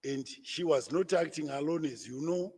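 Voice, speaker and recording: A man, a party spokesman, answering reporters at a press conference in a deliberate, lecturing way with stammered restarts. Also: on the high side, a little mellow, slightly rough, long reverb tail. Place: conference room.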